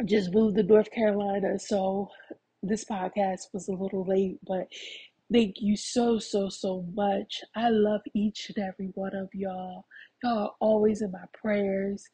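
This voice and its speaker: Podcast host, woman, fervent prayer cadence, warm dark tone, raspy edge. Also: medium pitch, little pitch movement, measured pace, poor audio. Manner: emotional, affectionate. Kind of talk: closing prayer and heartfelt sign-off.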